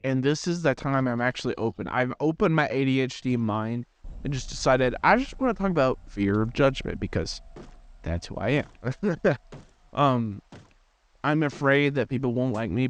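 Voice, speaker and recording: A man's voice: mid-range voice, lively intonation, moderate pace. A teenage boy hosting a gaming channel, telling a rambling, self-deprecating story in casual chat with lots of restarts. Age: teens.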